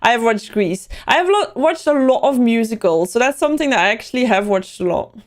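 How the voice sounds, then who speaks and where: On her casual livestream, a young Belgian host, a native Dutch speaker, sounds animated and fairly quick in a voice on the high side. She rambles and replies to chat messages as they come in.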